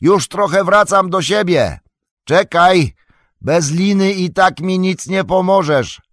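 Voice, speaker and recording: A man voicing Frodo, a shaken male hobbit shouting up from a rock ledge in a high, strained, loud voice. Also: slow, no room sound, clean studio sound. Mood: impatient. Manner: strained, calling out from below. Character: hobbit man, frightened then recovering, blinded on a ledge.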